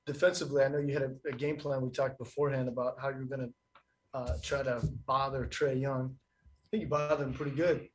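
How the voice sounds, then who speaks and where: A man's voice: medium pitch, flat delivery, fairly quick, slight background noise. A male sports reporter asking the coach questions at a postgame press conference, building long, chatty questions.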